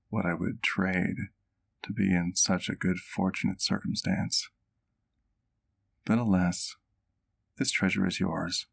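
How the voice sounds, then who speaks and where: A man voices a tender, longing vampire doctor for an ASMR roleplay, narrating his tale softly in elevated, literary phrasing. The performance is heavily acted, low-pitched and marked by vocal fry.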